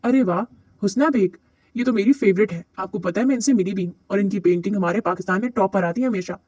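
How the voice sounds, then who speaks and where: A woman's voice: medium pitch, fast talker, darkish tone, breathy edge, no echo, dull audio, close to an everyday voice. A man voicing a bubbly, naive young bride who talks in a chirpy, innocent, childlike way. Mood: delighted.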